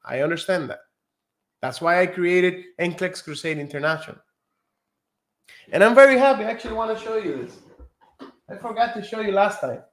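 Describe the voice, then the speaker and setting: A man from Cuba, teaching a live online nursing exam lesson in an earnest, encouraging way, slowing down to stress key words. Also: sits high, expressive.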